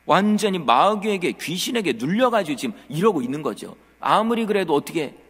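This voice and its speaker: Preaching in a church sanctuary, a pastor with a high, breathy voice speaks a little fast. He tells the story with animation, acting out quotes and addressing his listeners directly, and the hall adds a long reverb.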